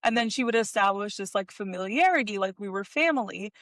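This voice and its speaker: A young woman podcast co-host, chatting casually and telling a long story in an animated way, with many "like"s. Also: mid-range voice, fairly quick, dry recording, clean studio sound. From United States. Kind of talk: casual chat.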